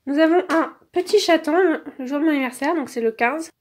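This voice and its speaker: Speaking a little fast in a high voice, a woman gives a relaxed review of toys while unboxing them. She leans on "donc" and "euh," capturing it all on a phone held single-handedly.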